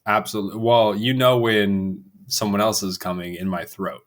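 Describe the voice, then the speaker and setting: A man's voice: on the low side, little pitch movement, normal speed. A man co-hosting a podcast, teasing and quizzing his co-host in casual chat.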